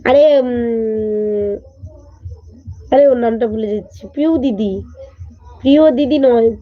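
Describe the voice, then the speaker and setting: A woman hosting a casual livestream, her fairly high voice hoarse after a fever. She chats with viewers and answers their greetings one by one. The sound is dull and lo-fi, like a phone stream. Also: slow. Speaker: livestream host. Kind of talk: casual live chat answering viewer comments.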